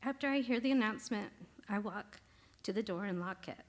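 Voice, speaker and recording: A middle-aged woman reads her own essay to a synagogue congregation. Her delivery is quiet and measured, sinking at times almost to a whisper. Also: medium pitch. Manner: quiet, measured reading that drops to near whispers. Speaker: congregation member and teacher. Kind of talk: reading a personal essay aloud. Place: synagogue sanctuary.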